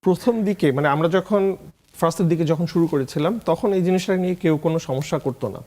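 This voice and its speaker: A man with a Bangladeshi accent talks casually as an interview guest, frequently slipping into English phrases. He is a food vlogger, and his mellow voice is a little high and a little fast.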